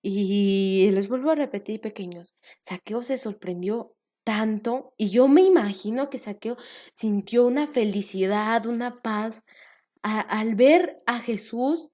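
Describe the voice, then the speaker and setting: Slow, high-voiced woman teaching children. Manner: animated, drawn-out repetitions, asks the children questions. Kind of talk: storytelling Bible lesson for children.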